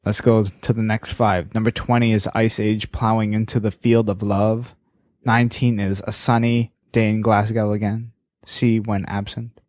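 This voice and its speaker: A man's voice: on the low side, flat delivery, normal speed, darkish tone, dry recording, clean studio sound. A man co-hosting a casual podcast, reading out a countdown list and giving short replies. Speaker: podcast co-host.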